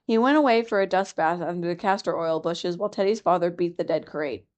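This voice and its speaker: A woman with a low, calm voice reads a classic children's story aloud for a library. Her delivery is steady and clear, in an unhurried storytelling manner. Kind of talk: audiobook reading of a children's classic.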